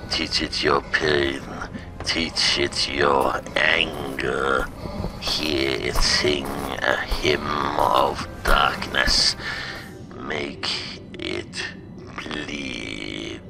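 A man voicing a menacing old dark lord, a sinister master instructing his apprentice in a slow, ominous, gravelly delivery for a comic dub. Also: extremely low pitch, flat delivery, heavily acted. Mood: ominous, commanding. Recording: music under the voice.

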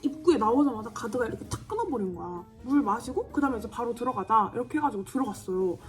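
A young woman in her twenties tells a story while doing her makeup, chatty and animated, and acts out what people said. Her voice is fairly high and swings up and down a lot. Soft music plays faintly behind her. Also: fast talker. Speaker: beauty vlogger.

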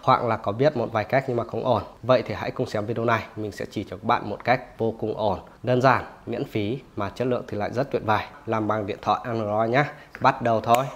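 A man hosting a phone tutorial, explaining each step casually and often pausing with "rồi" between steps. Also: on the low side, steady tone. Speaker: tech tutorial host.

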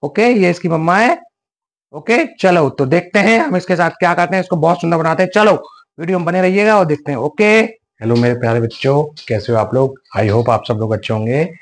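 High-voiced man coaxing young children. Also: fairly quick. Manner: soothing, coaxing, sing-song with children. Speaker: children's drawing channel host. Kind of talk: acted skit and coloring lesson for kids.

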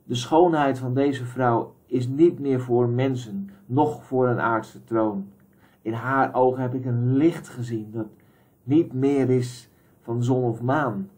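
A man voicing a wounded messenger who speaks slowly and pensively, word by word. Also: medium pitch, lightly acted. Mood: wistful. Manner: slow, pensive, measured. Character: dreamy awestruck male messenger, wounded.

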